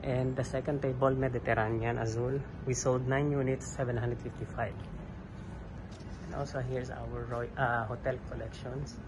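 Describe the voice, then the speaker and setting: A man giving a walkthrough sales report in a large home goods store, filmed on a handheld phone, listing collections and figures with pauses. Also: medium pitch, level tone, background noise. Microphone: handheld phone camera.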